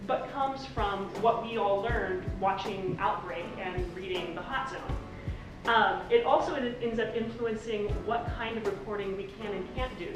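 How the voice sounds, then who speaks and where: Female American presenter, rushed informal lightning talk, medium pitch, very reverberant and distant sound. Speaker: speaker giving a lightning talk. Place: echoey presentation room. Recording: echoey hall, distant pickup, music flagged behind.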